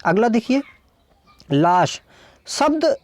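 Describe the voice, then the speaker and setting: A woman's voice: a little high, sing-song, slow, a little mellow, no echo. A woman teaching an exam-solution lesson, explaining step by step and answering her own questions as she goes. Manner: often adds "thik hai" and "dekhiye". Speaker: Hindi exam tutor.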